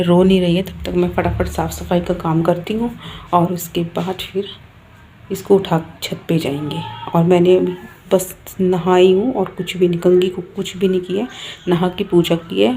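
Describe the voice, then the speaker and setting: A tired young mother talks casually into a handheld phone outdoors on a rooftop. Her voice sits in a middle pitch and stays fairly flat, with some faint outdoor noise behind it. She keeps things soft and chatty so she won't wake the baby. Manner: chatty, talking softly to avoid waking a baby. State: tired, sleepy. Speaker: vlogger, mother. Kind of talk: casual family vlog talk.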